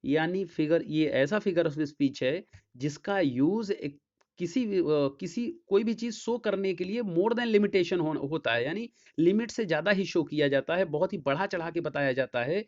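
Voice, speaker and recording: Man, Hindi accent, English teacher, higher voice, muffled lo-fi recording. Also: a little mellow. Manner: explains slowly with repeated checks. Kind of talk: classroom lecture. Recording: dull lo-fi sound.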